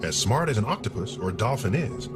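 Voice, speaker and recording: A man hosting and narrating a nature documentary in a measured, scripted style, posing rhetorical questions. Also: lowish voice, very animated, over music.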